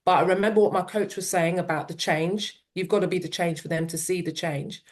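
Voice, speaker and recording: A middle-aged woman with a somewhat low voice answers interview questions about her coaching work. She talks earnestly and reflectively, dotting her sentences with "um" and "yeah". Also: fairly even intonation, fairly quick. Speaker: parent and teen coach.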